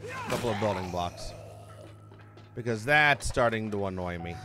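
A man's voice: fairly low pitch, expressive, moderate pace, music in the background. A man hosting a gaming channel, giving chatty let's-play commentary, talking to himself and the enemies and swearing when he gets hurt.

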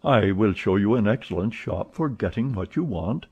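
A man voicing a suspicious adult detective who asks measured, probing questions, in a dull lo-fi recording. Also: fairly low pitch, expressive, darkish tone, breathy edge. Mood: calm.

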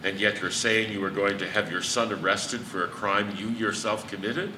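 A man playing a steady, measured chief inspector on a live stage, picked up in an echoey hall from a distance. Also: on the low side, background noise, natural voice. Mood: pressing. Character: calm, firm male chief inspector. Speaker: stage actor. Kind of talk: amateur stage play.

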